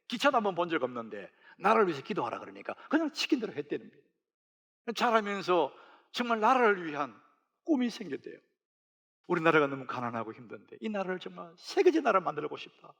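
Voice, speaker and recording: Lively-voiced man preaching a sermon. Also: on the high side, creaky. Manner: storytelling with lively rising emphasis. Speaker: senior pastor.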